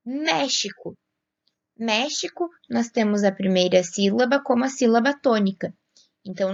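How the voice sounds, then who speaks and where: A woman's voice: fairly high pitch, highs cut off. A woman teacher with a Brazilian Portuguese accent, patiently explaining a grammar lesson and stretching out example words. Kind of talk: classroom explanation.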